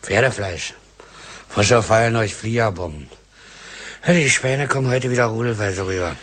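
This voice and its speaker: An earthy, fatalistic army cook played by an actor in a radio war play. He talks in a low voice over faint noise. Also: normal speed, a bit bright, lightly acted. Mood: dry. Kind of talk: radio war drama acting.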